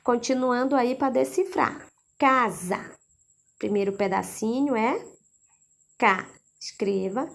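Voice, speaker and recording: Brazilian lady teacher, kinda high voice, goes slow, sounds out syllables for little kids. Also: creaky. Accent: Brazilian Portuguese. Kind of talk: lesson for young children.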